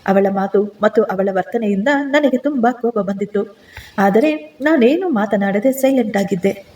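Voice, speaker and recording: Mellow-voiced woman telling a story. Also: medium pitch, a little slow. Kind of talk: first-person dramatic story narration.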